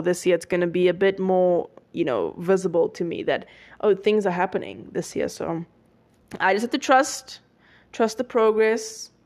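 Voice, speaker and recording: A young woman of nineteen hosting a solo podcast, chatting casually with many fillers and self-corrections. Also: medium pitch. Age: young adult. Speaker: podcast host.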